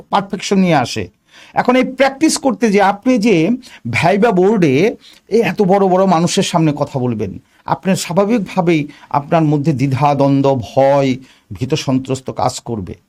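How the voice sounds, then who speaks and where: A man's voice: high voice, a little mellow. A man coaching students for an oral exam, repeating key points and speaking straight to the listener. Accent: Bangladeshi Bengali. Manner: repetitive, emphatic, addresses the listener directly. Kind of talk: spoken lesson on viva preparation.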